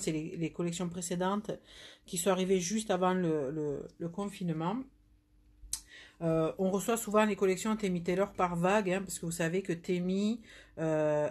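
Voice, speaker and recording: Chatty southern French woman, lowish voice. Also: darkish tone. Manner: chatty, many fillers and restarts. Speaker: nail product seller. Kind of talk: live product demo.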